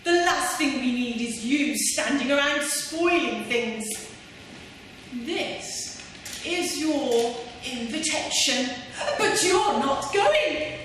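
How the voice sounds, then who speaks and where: A woman playing a wicked, snobbish pantomime stepmother, shrill, haughty and campily exaggerated. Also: animated, takes it slowly, fairly bright tone, full character voice. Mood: gloating, scornful. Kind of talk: theatrical stage pantomime acting. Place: staff pantomime stage in a hall. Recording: echoey hall from far off, faint noise.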